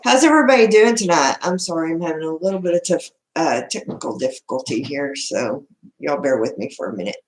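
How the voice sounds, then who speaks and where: A woman with a deep, slightly mellow voice and a Southern US accent hosts a home livestream, chatting casually and greeting viewers. She talks fairly quickly with fairly even intonation, in a folksy, informal way. The laptop recording picks up an echoey indoor room at home.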